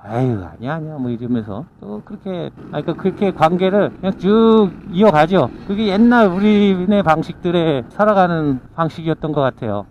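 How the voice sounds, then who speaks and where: A man's voice: high-pitched, animated, moderate pace, hardly any pauses. A man, a delivery rider vlogger, rambling through casual stories of old village life and acting out quoted lines. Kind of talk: casual storytelling monologue. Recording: tinny phone-like with faint noise.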